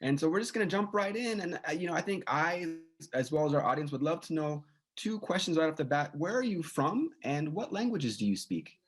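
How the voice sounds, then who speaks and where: A man's voice: on the high side, expressive, a little fast, slightly rough. A man co-hosting a podcast, talking casually with many fillers and self-corrections as he introduces a guest. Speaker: podcast co-host.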